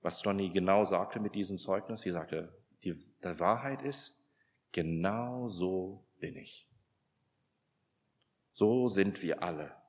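Low-voiced man preaching in echoing hall. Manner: conversational storytelling with hesitations and restarts. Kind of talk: sermon. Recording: long hall reverb.

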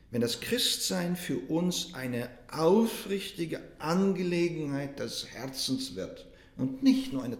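A man's voice: mid-range voice, roomy sound. A man preaching a sermon with emphatic delivery, often addressing the congregation directly. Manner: emphatic preaching, addresses listeners as "Ihr Lieben".

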